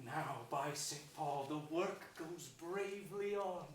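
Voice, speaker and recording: A somewhat high voice delivers a declamatory Shakespearean performance as a sly, falsely courteous nobleman, scheming and sardonic, gloating with cynicism and drawing out each phrase deliberately. It's captured on stage before an audience by a distant stage or camera mic, sounding roomy with faint noise.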